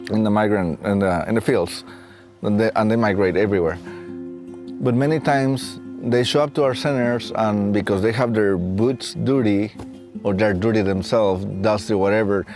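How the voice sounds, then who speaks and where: With soft plucked guitar music behind him, a Mexican-accented man in his late thirties tells his personal story in a halting, reflective manner for a training film. He is a facilities and safety technician who also trains staff, and his voice is on the low side.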